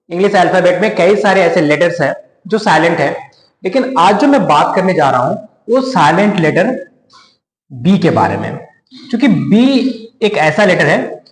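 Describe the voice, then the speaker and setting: A man teaching a lesson with a high, very animated voice that keeps asking questions and answering them. The recording is roomy, with a long, echoing reverb. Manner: lively and emphatic, asks questions and answers them himself. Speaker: English teacher. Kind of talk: classroom-style lesson. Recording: echoey room with long reverb.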